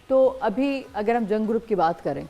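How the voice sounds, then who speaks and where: A woman's voice: fairly high pitch, animated, warm tone. A woman hosting an interview, putting long questions to her guest and steering the conversation back on track. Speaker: interview host.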